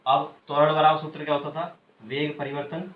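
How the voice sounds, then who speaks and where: A male teacher giving a classroom lecture who keeps asking questions and pauses for students to call out the answers, then repeats the key terms slowly. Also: a little high, level tone. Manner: quizzes students, pausing for them to finish answers. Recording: echoey room, muffled, faint hiss.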